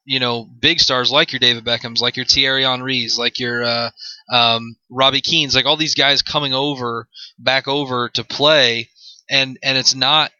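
This American man, in his mid-twenties, runs a solo sports podcast off the cuff, wandering from point to point, echoing his own phrases and saying "you know" a lot. He speaks at a normal speed with a medium pitch, a fairly even intonation and a sharp tone. The audio is dry and lo-fi.

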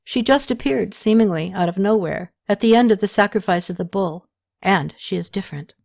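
A woman's voice: mid-range voice, fairly quick, creaky, a little mellow. A woman voicing a young, troubled ancient king who explains matters earnestly.

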